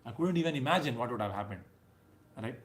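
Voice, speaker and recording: Talking fast and animated in a medium-pitched voice, a South Indian spiritual teacher in his thirties leads a scripture class. The sermon is informal and conversational, with anecdotes and chanted verses; he's emphatic and keeps checking in by ending phrases with "right?".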